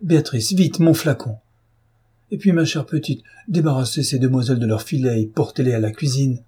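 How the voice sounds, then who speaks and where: A man's voice: mid-range voice, fairly quick, warm tone, husky. A man reading aloud and voicing a gracious, talkative elderly baroness with fussy, affected politeness. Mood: shocked.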